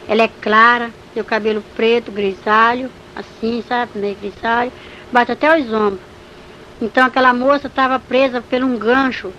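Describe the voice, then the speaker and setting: A woman with a fairly high voice tells her religious testimony vividly and with emotion. The recording is slightly dull and carries a faint hiss. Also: fairly bright tone. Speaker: church testimony speaker.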